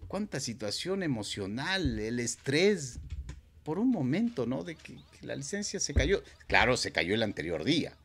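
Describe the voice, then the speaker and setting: A man casually telling a personal story on a stream, acting out the dialogue with lively voices. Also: mid-range voice, unhurried. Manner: animated, acts out dialogue with voices.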